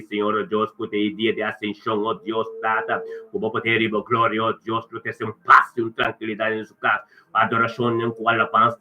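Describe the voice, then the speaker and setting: A man pastor leading a fervent spoken prayer, chanting repeated refrains of praise. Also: lowish voice. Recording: tinny phone-line sound.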